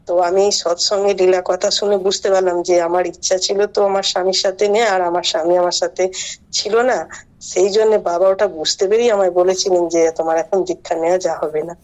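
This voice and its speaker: A middle-aged woman giving a halting, earnest personal account as a devotee over a video call. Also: on the low side, fairly even intonation, a little mellow. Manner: halting, earnest storytelling with pauses. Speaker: devotee sharing her experience. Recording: muffled online call audio.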